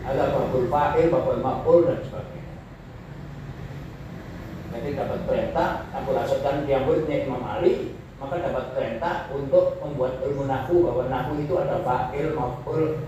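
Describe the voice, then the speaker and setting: A man teaching Arabic grammar in a classroom lecture, slowly repeating Arabic phrases to show how the intonation rises and falls. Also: medium pitch. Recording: echoey room, voice from far off, faint noise.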